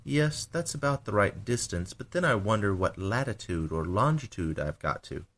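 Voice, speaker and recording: Storybook role: earnest, inquisitive young girl played by a man, low register, chattering thoughtfully to herself. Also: expressive, moderate pace, a bit bright. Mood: musing, curious. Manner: musing aloud to herself. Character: curious, chatty, earnest little girl falling underground. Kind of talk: storybook character voice.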